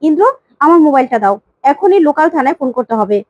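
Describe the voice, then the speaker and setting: A woman's voice: sits high, expressive, rapid-fire, no echo, muffled recording. A woman voicing a furious imperious queen. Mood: angry. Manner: scolding, demanding. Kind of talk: storytelling of a TV serial plot.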